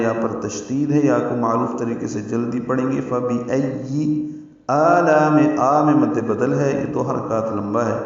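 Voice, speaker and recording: A man teaching the rules of Quran recitation. He explains each rule and slowly sounds out and repeats syllables to demonstrate them. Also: medium pitch. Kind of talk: tajweed lesson, explaining pronunciation rules. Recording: very echoey, distant and dull.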